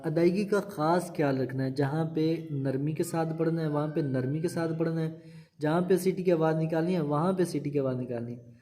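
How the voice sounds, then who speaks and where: A man's voice: fairly high pitch, mellow, a little hiss or hum. Patient man teaching Quran syllables. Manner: patient, repeats rules and drawn-out syllables. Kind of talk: slow instructional recitation lesson.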